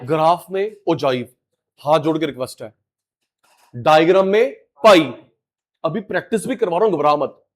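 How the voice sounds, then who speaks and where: A middle-aged man teaching a live online class, animated and coaxing, repeating key words to his students. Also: fairly high pitch, normal speed, pauses often.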